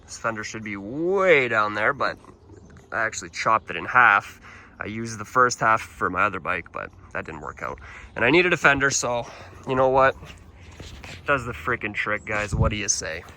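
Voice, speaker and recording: Walking around his motorcycle with a handheld phone, this Canadian vlogger, a young man with a Canadian accent, talks casually and profanely, rambling and starting over. His voice sits on the low side, pushed and bright, with lively intonation at a normal speed, and there's slight background noise.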